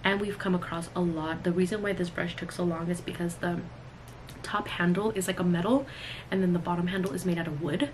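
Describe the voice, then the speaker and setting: Talking straight to her viewers, a cosmetics brand owner in her thirties vlogs chattily from a small room at her workplace. She speaks fairly quickly in a fairly low, steady voice, recorded on camera audio with clear room noise.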